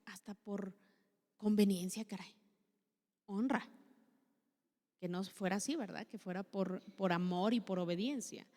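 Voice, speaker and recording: A woman's voice: medium pitch, dark tone. Mexican woman preacher, conversational sermon full of rhetorical questions, mid-range voice, long reverb of a church hall. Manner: chatty, asks many rhetorical questions. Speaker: speaker at a women's church meeting.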